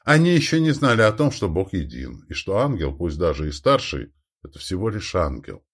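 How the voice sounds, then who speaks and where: A gaunt, stern young king, played by a man who speaks low and with quiet threat. The voice drops beneath the narration and moves widely when he rises to rebuke, slow and deliberate. It is an audiobook character voice. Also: very animated, slightly rough, heavily acted. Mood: lecturing.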